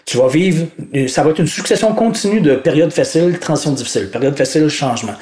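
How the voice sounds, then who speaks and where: A man's voice: on the high side, fast. Québécois man, guest speaker, loose and spontaneous, chatty, laughs easily, roomy echo on the voice. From Quebec. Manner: spontaneous, animated, laughs often, says "là" a lot. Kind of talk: casual interview talk.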